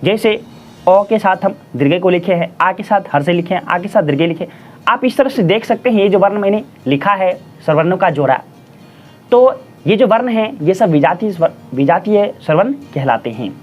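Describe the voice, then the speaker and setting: A teacher talks through a grammar lesson at a steady middle pitch, repeating definitions and asking questions aloud before answering them. The recording sounds dull and lo-fi, with faint music underneath. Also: a little fast. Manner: patient, repeats each definition, asks and answers its own questions; addresses listeners as friends and children. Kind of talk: classroom-style grammar lesson.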